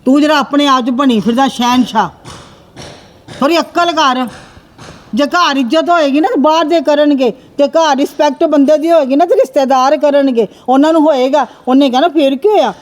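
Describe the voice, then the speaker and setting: A woman playing a sharp-tongued scolding aunt. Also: sits high, close to an everyday voice. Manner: scolding, lecturing, rapid retorts. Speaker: aunt Manju scolding the son. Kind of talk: amateur family skit acting. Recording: faint background noise.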